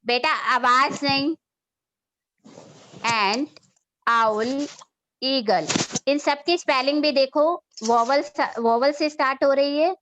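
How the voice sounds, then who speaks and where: High-voiced lady teacher explaining grammar slowly over an online class, keeps checking if kids get it. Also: dull audio, noisy background. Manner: slow, patient, repeats and checks understanding. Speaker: school teacher. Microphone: online class, computer mic.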